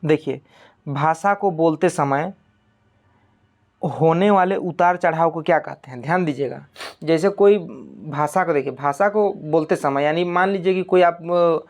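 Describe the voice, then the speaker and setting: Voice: mid-range voice, unhurried. A teacher gives a recorded exam-prep lesson, explaining patiently step by step and checking in often.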